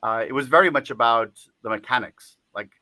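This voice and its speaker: A guest author being interviewed speaks brisk and sharp at medium pitch, captured in a low-quality recording with no echo. He's chatty, with lots of fillers, restarts and little laughs.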